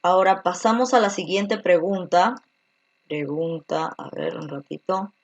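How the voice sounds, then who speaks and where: A woman's voice: fairly low pitch, measured pace. Woman teaching grammar, step by step. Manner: explains step by step with many tag questions. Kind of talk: virtual grammar lesson.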